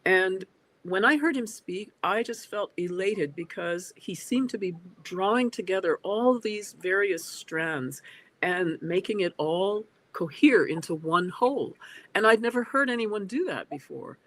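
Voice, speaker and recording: A woman in her sixties speaks as an interview guest over a video call. She talks thoughtfully and keeps pausing on small hesitant fillers. Her voice sits at an ordinary pitch for a woman. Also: expressive, a bit bright. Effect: heard over a video call. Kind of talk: reflective interview talk. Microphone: computer on a video call.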